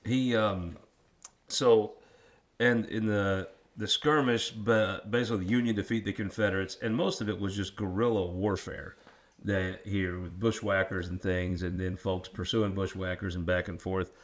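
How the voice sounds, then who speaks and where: A lower-pitched man with a rural drawl hosts a history chat. He is folksy and quick to poke fun at himself, talking casually as he asks questions. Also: fairly even intonation. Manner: folksy, self-deprecating. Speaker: interviewer and host. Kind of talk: casual local history interview.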